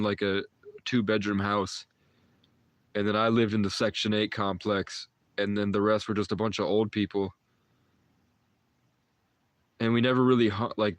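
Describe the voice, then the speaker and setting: On a dry recording, a man in his twenties speaks in a lowish voice while hosting a livestream. He chats with viewers in a wandering, mystical manner, repeatedly restarting and giving little chuckles.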